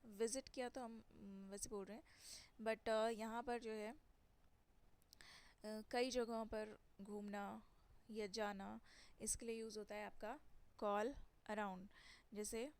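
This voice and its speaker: A young woman teaching English phrasal verbs in Hindi, repeating each word slowly with emphatic stress. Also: on the high side, fairly even intonation, a little mellow, smooth. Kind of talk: slow Hindi-English vocabulary lesson.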